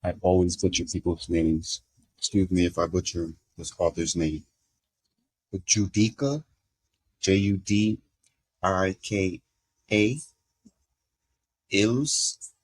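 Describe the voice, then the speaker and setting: Male host, very deep voice, laid-back rambling delivery, mouth full of candy. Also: slight background noise, rough recording. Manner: relaxed, rambling, self-deprecating. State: eating candy with a toothache. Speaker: podcast host. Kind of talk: casual chat.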